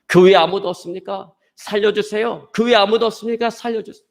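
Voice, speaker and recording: Pastor doing a desperate man shouting for help. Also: on the high side, fairly even intonation, quick pace, lightly acted. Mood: pleading. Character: desperate man hanging from a cliff branch.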